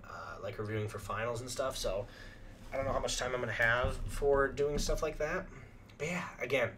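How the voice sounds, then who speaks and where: A young man hosting a reaction channel who chats casually and rambles with lots of fillers, clearing his throat as his voice starts to go. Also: lowish voice, a bit bright, a little hiss or hum. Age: young adult. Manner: rambling, filler-heavy chatter.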